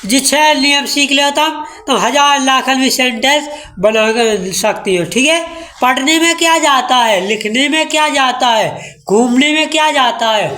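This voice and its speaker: In a high, slightly bright voice, a woman teaches an English lesson to a class. She goes slowly and patiently, repeating every rule and frequently checking that students are following.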